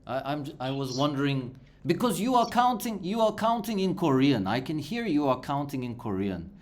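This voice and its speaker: This online English tutor, whose first language is Bulgarian, speaks in a medium, sing-song pitch. Teaching one-on-one over a video call, she goes slowly and patiently, encouraging the learner and repeating and spelling words.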